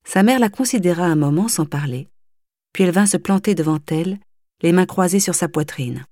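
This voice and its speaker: A woman reading a novel aloud as an audiobook narrator, in a measured, deliberate way. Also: lowish voice, animated, warm tone, no echo, clean studio sound. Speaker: audiobook reader. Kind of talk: scripted literary narration.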